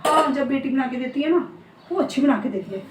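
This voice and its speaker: A woman's voice: high voice, expressive, a little fast, background noise. Chatty woman vlogging from home. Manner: chatty, playful, talks to viewers. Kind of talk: casual vlog chat.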